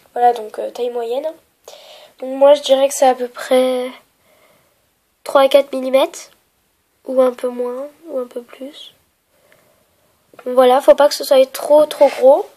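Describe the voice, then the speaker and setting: A young woman with a stuffy nose from a cold, explaining a craft tutorial at home with many fillers and soft, trailing phrases. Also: sits high, low-quality recording. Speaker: polymer clay tutorial maker.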